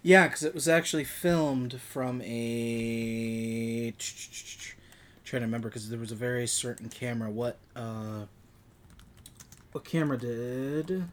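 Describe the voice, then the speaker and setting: Male film podcast co-host, average pitch, conversational, halting while hunting for details. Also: steady tone, a little hiss or hum. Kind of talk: casual film discussion.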